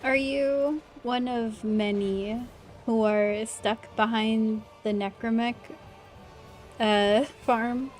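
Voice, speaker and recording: A woman streamer chats casually with her viewers while gaming, frequently apologising. Her voice is on the high side and steady, she speaks extremely slowly, and faint music plays behind her.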